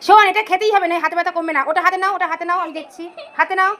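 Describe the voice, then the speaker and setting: A woman's voice: very high voice, steady tone, very fast, bright, forceful tone, slight background noise. A woman talking to her toddler in playful, coaxing baby talk, teasing and singing. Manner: sing-song, coaxing and teasing. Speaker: vlogger talking to her child.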